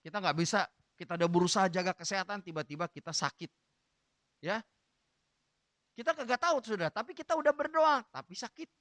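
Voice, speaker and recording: High-voiced preaching man, dry sound. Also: no room sound. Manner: dramatic retelling, shouting out the quoted cries. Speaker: pastor. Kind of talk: sermon with Bible reading. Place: church hall.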